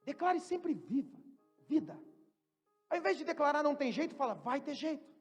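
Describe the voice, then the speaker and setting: High-voiced man preaching in an echoing church. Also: animated, moderate pace. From Brazil. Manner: swings from loud preaching to quiet asides, jokes with the congregation. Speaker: pastor. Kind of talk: sermon. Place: church hall. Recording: long church reverb, faint music.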